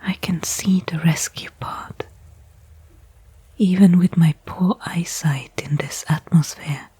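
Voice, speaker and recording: A woman with a lowish, breathy voice whispers as a tired yet hopeful space worker stranded in a sci-fi ASMR roleplay. Her heavily acted narration is quiet and reflective, broken by pauses, with no room sound.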